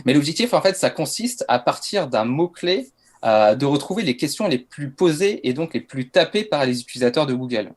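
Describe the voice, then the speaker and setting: A man's voice: on the high side, very animated, moderate pace. A French man presenting a masterclass on writing social media posts, casual and hesitant with frequent fillers. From France. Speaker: LinkedIn content coach.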